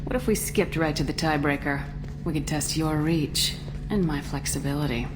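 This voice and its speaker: Actress as starship commander for game drama: slightly low female voice, assured, cool, to the point. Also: moderate pace, music in the background, natural voice. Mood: flirtatious. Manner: direct, assured. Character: confident female military commander, direct and cool.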